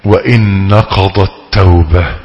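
A man with an Egyptian Arabic accent giving a religious lesson as a sheikh, talking in a dramatic way that rises to loud, pleading emphasis. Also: sits low, fairly even intonation, measured pace, lo-fi sound. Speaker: sheikh teaching theology. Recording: reverberant hall.

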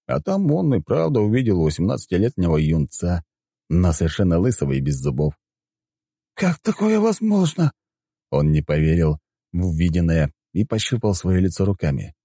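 A man reading a fantasy audiobook in an expressive storytelling manner. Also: deep voice, brisk, vocal fry, no room sound, clean studio sound. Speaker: audiobook narrator. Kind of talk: scripted fantasy narration.

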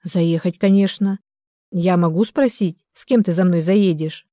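A woman reads a retired mother in her sixties in this audiobook, anxious and quick to reproach. The voice sits low and mellow. The recording is close and dry. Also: dry recording, lightly acted. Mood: reproachful.

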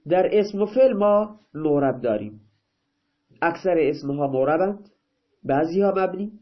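A man's voice: a little high, animated. A male teacher giving a grammar lesson, reading a line of text and then explaining it in plain, everyday talk. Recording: dull, lo-fi recording.

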